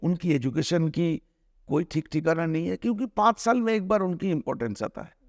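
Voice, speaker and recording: A film director from India, a man with a fairly high, expressive voice, speaks as a guest in a conversational interview that mixes Hindi and English. He is earnest and argumentative, often restarting his sentences and drawing out his hesitations, and the sound is dry and close.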